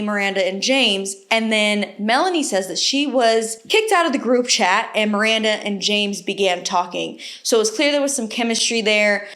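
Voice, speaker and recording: A woman's voice: mid-range voice, a bit bright. A woman hosting a casual reaction vlog, chatty and self-deprecating, with sassy, campy drag-queen-style slang, speaking close to the microphone. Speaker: YouTube host. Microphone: microphone held close to the mouth.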